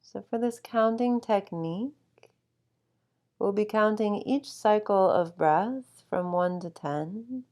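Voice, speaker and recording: A woman guiding a sleep meditation with calm, soothing instruction and long, unhurried pauses. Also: medium pitch. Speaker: meditation guide.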